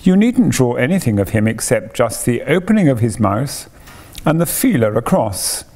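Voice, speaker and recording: A man reading aloud and voicing a patient, gently dry cave-man father in a storybook. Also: mid-range voice, very animated, moderate pace.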